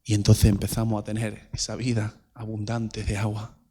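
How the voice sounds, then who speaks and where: A pastor preaching a sermon in a church, direct and questioning. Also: male voice, on the low side, completely flat delivery, moderate pace, dark tone, breathy edge.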